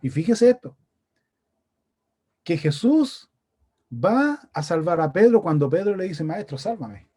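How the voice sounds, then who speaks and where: A Chilean man preaches in a high, mellow voice. He keeps it conversational and often turns to his listeners with questions. The sermon is delivered in a church meeting room. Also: sing-song, slow pace, long pauses, breathy edge. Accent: Chilean Spanish. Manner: conversational, asks the congregation questions.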